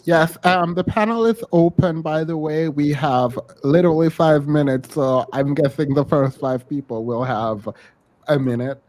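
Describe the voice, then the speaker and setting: A man co-hosting a podcast, reading viewer messages in casual chat, animated and laughing, dropping into low mutters. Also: moderate pace, rough recording. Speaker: podcast co-host.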